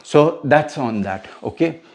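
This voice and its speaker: A man's voice: fairly high pitch, animated, a little slow, creaky, a little mellow, a little hiss or hum. A man teaching a hosting practice class step by step, often checking whether his listeners follow. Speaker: MC trainer. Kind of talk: instructional coaching session.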